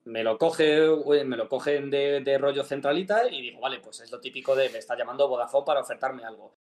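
The man's voice is mid-range and fairly quick. As a podcast co-host in casual conversation, he jokingly and animatedly retells a phone call in story form.

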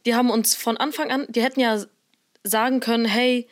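A young woman guest in a casual podcast chat, relaxed and chiming in with short remarks. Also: on the high side, brisk.

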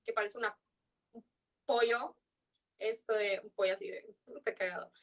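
A woman's voice: mid-range voice, fairly even intonation, moderate pace. A young woman in her twenties with a marked Yucatán accent, chatting loosely as a podcast guest, rambling with slang and fillers. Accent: Yucatán Mexican Spanish. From Yucatán, Mexico. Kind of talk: casual chat.

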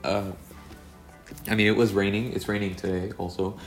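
Deep nasal man with stuffy allergies. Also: level tone, normal speed, faint music behind. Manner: rambling, with many fillers and restarts. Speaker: podcast co-host. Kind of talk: casual podcast chat. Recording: echoey room.

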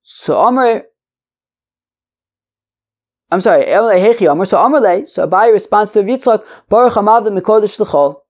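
A man's voice: high voice, expressive, brisk, long pauses, darkish tone. A man teaching an informal Talmud lesson, reading and translating conversationally, rephrasing and asking rhetorical questions. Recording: dull lo-fi recording.

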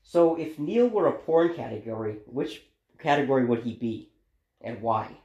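A man's voice: medium pitch, expressive, normal speed, a little mellow. A man co-hosting a casual podcast, reading out questions in a laid-back, hesitant way with many fillers. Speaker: podcast co-host asking questions. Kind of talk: casual chat. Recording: echoey room.

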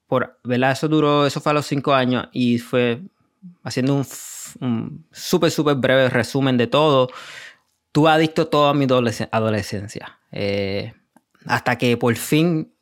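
A Puerto Rican man speaks as an interview guest, his voice sitting in an ordinary middle pitch. He tells his story haltingly, leaning on fillers and tag questions as he goes. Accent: Puerto Rican Spanish. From Puerto Rico. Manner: hesitant, many fillers and tags. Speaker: guest, recovery coach.

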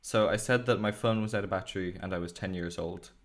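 In a casual video chat, an Irish teenager with an Irish accent goes on at length about his schoolwork, full of fillers. His voice is low-pitched and fast.

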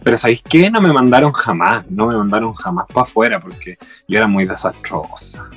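Teasing husky-voiced Chilean man. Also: lowish voice, lively intonation, fairly quick, a bit bright, faint music behind. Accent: Chilean Spanish. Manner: camp, teasing, mock-dramatic. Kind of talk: casual chat.

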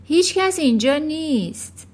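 A woman's voice: high voice, expressive, darkish tone, voice pushed up. A woman reading a children's storybook aloud, voicing a timid, cowardly father who speaks nervously. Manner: nervous, hesitant.

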